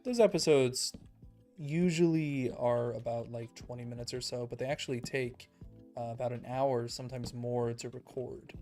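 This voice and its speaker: A man casually commenting on his own gameplay as a streamer, relaxed and self-deprecating, thinking out loud and a little out of breath. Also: medium pitch, normal speed. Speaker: let's play streamer. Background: background music.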